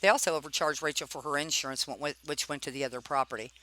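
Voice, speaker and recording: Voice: medium pitch, fairly even intonation, quick pace, pushed and bright. A person giving informal commentary while reading documents aloud, pointed and questioning, often tagging remarks with check-in questions. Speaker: narrator reviewing property records.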